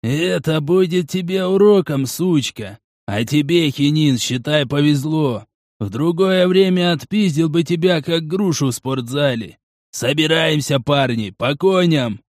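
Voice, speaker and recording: A man voicing a brutish male biker thug who snarls and swears roughly, in an audiobook. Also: fairly high pitch, animated, measured pace, a little mellow, no room sound, clean studio sound. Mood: mocking. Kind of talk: audiobook character voice.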